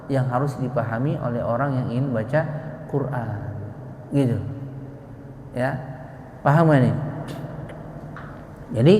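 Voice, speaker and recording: Brief: male teacher, patient lecturing to a congregation, slightly raised pitch, roomy echoey prayer room. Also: slight background noise. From Indonesia. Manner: slow, patient explaining with rhetorical questions. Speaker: Quran recitation teacher. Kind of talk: tajwid lesson to a congregation.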